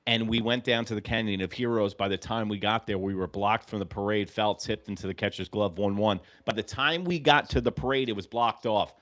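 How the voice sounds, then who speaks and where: A man in his forties from New York hosting a live fan reaction stream, calling pitches and drifting into rambling, profane stories, swinging between muttering and shouting. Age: 40s. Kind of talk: live game-reaction commentary.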